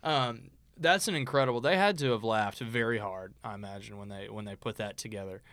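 A man's voice: on the low side, fast, a bit bright, no echo. Chatty man, dry close sound. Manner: loose and chatty, swears, trails off and restarts. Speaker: podcast co-host. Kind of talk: casual chat.

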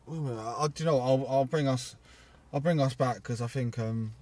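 Brief: young man, podcast co-host, relaxed and halting delivery, a little off mic. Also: mid-range voice, distant mic. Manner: easygoing, halting, many fillers. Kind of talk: casual chat.

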